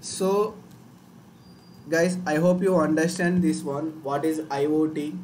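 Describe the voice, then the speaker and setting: Speaking slowly in a level, darkish tone with a fairly high voice, a Telugu-accented man from South India teaches a live online workshop. He repeats himself and uses tag words to check that people follow, while the distant mic captures a roomy indoor space with faint noise during the screen-share stream.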